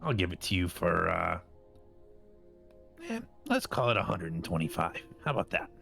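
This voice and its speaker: A man voicing a smooth-talking male goblin merchant with a wheedling salesman's patter. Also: low voice, sing-song, normal speed, fairly bright tone, soft background music, pitched below the performer's own voice, heavily acted. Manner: wheedling salesman's patter, keeps asking "right?".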